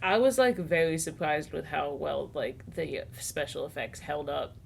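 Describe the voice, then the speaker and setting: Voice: mid-range voice, measured pace, creaky, slight background noise. A podcast host in casual chat, laughing often and talking enthusiastically about movies.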